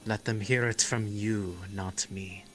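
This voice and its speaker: Man playing a spirit interpreter, measured, hesitant, slow, bright, faint music. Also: on the low side, steady tone. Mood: guiding. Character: guide who interprets the spirits' voices. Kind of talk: in-character roleplay.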